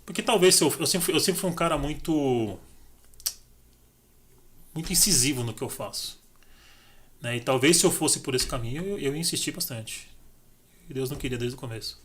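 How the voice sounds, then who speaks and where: With a mid-range voice at a moderate pace and long pauses, a middle-aged Brazilian man guests on a podcast to tell his life story. It's casual chat, and he brings it to life by acting out the dialogue.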